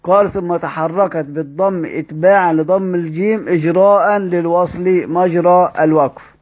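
A man's voice: high voice, steady tone, moderate pace, a little mellow, muffled recording. Egyptian man teaching, asking rhetorical questions. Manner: explains step by step, asks the class rhetorical questions and answers them. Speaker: Quran recitation teacher. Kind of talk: classroom lesson with read-aloud quotes.

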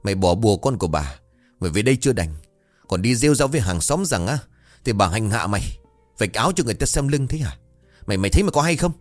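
A man's voice: on the low side, big pitch swings, fairly quick, no room sound, faint music behind. A man voicing a spiteful old village mother-in-law who screeches curses and insults. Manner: screeching, cursing.

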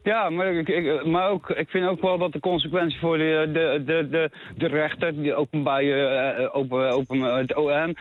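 A man's voice: fairly high pitch, fairly even intonation, normal speed, hardly any pauses. A man calling in to a radio show, indignant and stumbling over restarts as he makes his point. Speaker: caller. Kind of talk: phone-in call. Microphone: phone. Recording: tinny crackling phone line.

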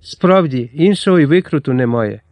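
A man narrating an audiobook with steady, expressive reading. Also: a little high, normal speed, no echo. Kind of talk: scripted narration.

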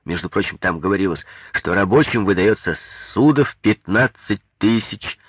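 A man's voice: lowish voice, lively intonation, moderate pace, husky, dry recording. A man narrating an audiobook in the first person, subdued and brooding.

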